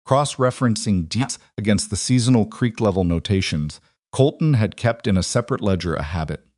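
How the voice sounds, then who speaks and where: Guy narrating a western, real deep voice, dry close sound. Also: dry recording. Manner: measured, even storytelling. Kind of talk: scripted audiobook narration.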